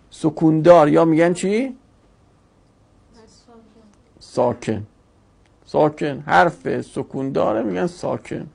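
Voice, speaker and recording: Teacher with a heavily gravelly, husky voice and a lively pitch; drills grammar terms, quizzing and answering himself. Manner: asks questions and answers them himself; repeats terms slowly for emphasis. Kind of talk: classroom grammar lesson.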